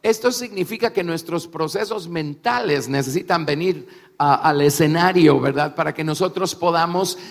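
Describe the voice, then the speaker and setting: A man interpreting a religious talk aloud, phrase by phrase, with measured emphasis. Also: a little high, vocal fry. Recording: echoey hall, long reverb.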